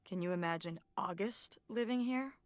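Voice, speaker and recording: An actress playing a young daughter in a video game, speaking in a wondering, playful way. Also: female voice, mid-range voice, moderate pace, no echo, close to an everyday voice.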